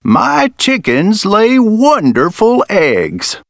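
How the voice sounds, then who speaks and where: Guy doing a sly old bearded farmer, kinda high, drawls real slow. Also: huge pitch swings, creaky, fairly bright tone, dry recording, clean studio sound, heavily acted. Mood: sly, boastful.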